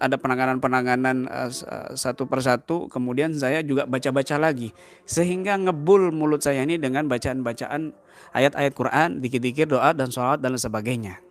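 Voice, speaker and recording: A man, an Islamic teacher, giving a sermon as a lively story and acting out the dialogue. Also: mid-range voice. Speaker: kiai, Islamic teacher and healer.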